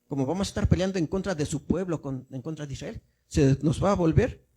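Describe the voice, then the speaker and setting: A man's voice: a little high, fast talker, warm tone, slightly rough. A male minister giving a teaching sermon, explaining step by step and often asking the congregation if they follow. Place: church.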